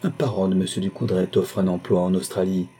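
A man's voice: sits low, steady tone, brisk, mellow, slight background noise. A man voicing a proud, indignant middle-aged wife who laments her lost standing in a storybook reading. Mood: defiant. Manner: lamenting and haughty.

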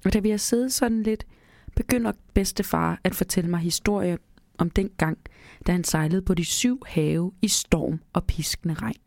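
A woman narrates a children's Christmas story in a calm, measured way, then chats casually. Her voice sits low with a gravelly fry, and the recording is close and dry. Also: no echo. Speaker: storyteller and co-host. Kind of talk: storybook reading and casual chat.

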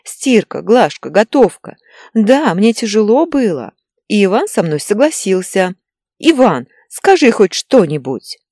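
A woman's voice: medium pitch, big pitch swings, unhurried, dry recording, clean studio sound. A woman voicing a hysterical, tearful pregnant young wife who whines and snaps defensively. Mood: shrill, indignant. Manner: whiny and defensive, breaks into shouting.

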